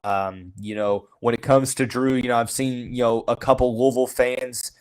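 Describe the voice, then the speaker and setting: Male sports podcast host, mid-pitch, casual and blunt, lots of fillers. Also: steady tone, moderate pace, clear, resonant tone, poor audio. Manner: heavy use of "you know" fillers and restarts; frank, opinionated, says he calls it as he sees it. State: has the hiccups. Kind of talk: casual sports talk monologue.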